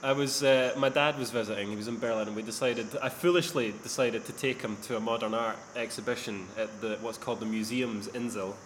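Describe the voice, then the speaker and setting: A podcast host talks in a casual, rambling, self-deprecating way, his mid-range, slightly bright voice moving fairly quickly with hardly any pauses. He records into a laptop mic in a sparse, near-empty living room, so the sound echoes, with a little hiss or hum.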